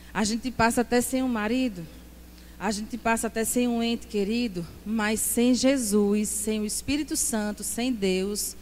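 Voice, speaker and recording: A woman's voice: medium pitch, a little mellow, big-room sound, a little hiss or hum. A middle-aged woman, giving a fervent church teaching to a women's class and tossing in praise interjections. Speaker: women's Bible class speaker. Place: church hall.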